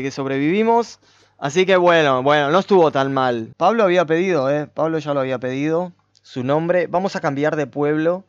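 A man with a high, lively voice giving excitable let's-play commentary, his pitch swinging wide as he yells at his character and then mutters calmly. The sound is a little dull and lo-fi, like a modest streaming setup. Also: dry recording. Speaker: gaming streamer.

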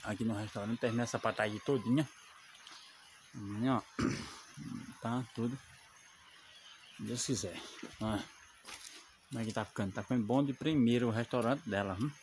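Holding his phone camera, a bricklayer from Brazil speaks at a moderate pace with long pauses in a mid-range voice as he films a rural construction site. Chatty and devout, he points out details casually, and there's a faint hiss or hum.

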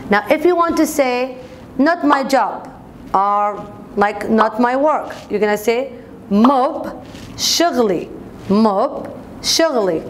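A woman's voice: on the high side, slow, a little hiss or hum. A young woman teaching an informal language lesson to camera, explaining and repeating example words. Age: young adult. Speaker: language teacher and video host. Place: bright indoor office classroom.

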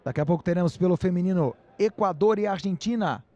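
Higher-pitched Brazilian male play-by-play commentator. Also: fast talker, mellow, highs cut off. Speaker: sports commentator.

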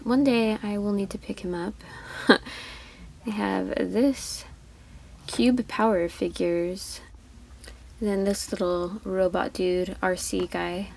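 A woman's voice: medium pitch, fairly even intonation, takes it slowly, gravelly, a little mellow. A woman vlogging a toy hunt in a store, chatting casually and gushing over each toy she spots. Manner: chatty, easily delighted, gushing over toys.

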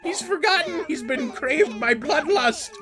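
A performer voicing a squealing, excitable cartoon guy. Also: sits high, a little slow. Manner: excitable, rambling, squeals and yelps in alarm. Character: excitable hand-drawn cartoon man reacting to his own episodes. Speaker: reacting host character. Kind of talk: cartoon reaction commentary. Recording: loud music playing underneath.

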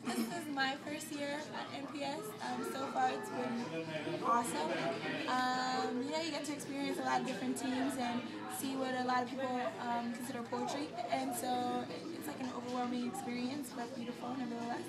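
A woman's voice: high voice, steady tone, moderate pace, a loud crowd. A young woman slam poet answering questions in an upbeat, bubbly way in a large lobby. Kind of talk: interview answer.

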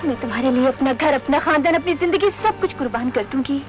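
A woman's voice: high-pitched, natural voice. An actress playing a young woman in love who speaks in an earnest, determined way, in 1980 film dialogue. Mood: defiant. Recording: lo-fi old film soundtrack with music.

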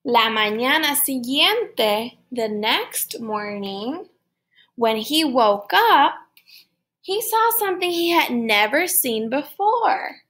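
A woman's voice: high-pitched, very animated, very slow, a bit bright. A woman kindergarten teacher patiently explaining a story to young children, word by word.

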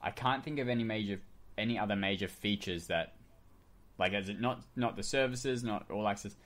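Low-voiced man rambling through casual chat. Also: fairly quick, fairly bright tone. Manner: rambling, with many restarts and fillers. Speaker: podcast co-host.

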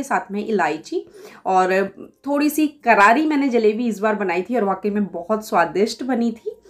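A woman in her forties from India, explaining a home recipe step by step in a chatty voice-over with small fillers. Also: medium pitch. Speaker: cooking vlogger.

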